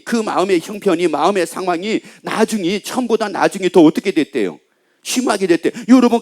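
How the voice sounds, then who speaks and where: A man, a pastor, preaching a sermon in a church, animated and acting out the voices of the people in his stories. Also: sits high. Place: church sanctuary.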